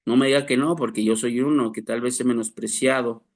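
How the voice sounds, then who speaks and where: A man's voice: medium pitch, fairly even intonation, a little fast. A man, preaching a sermon to his class, earnest, asking rhetorical questions to his listeners. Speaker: pastor teaching a class.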